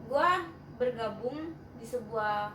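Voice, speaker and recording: A woman's voice: a little high, slow pace. A woman with a Jakarta Indonesian accent talking casually in a group chat. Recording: echoey room, distant mic, clear noise.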